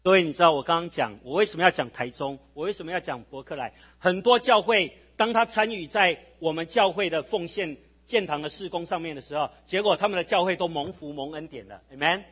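A male pastor delivers an animated sermon, constantly asking his listeners questions. His voice sits high and a little husky. It comes through a muffled church sound system. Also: a little fast, few pauses. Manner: animated preaching, asks the congregation questions. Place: church sanctuary.

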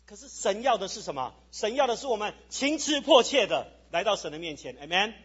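A male pastor preaching a lively sermon to his congregation, asking them questions as he goes. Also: sits high, a little fast, husky, dull audio. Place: church sanctuary.

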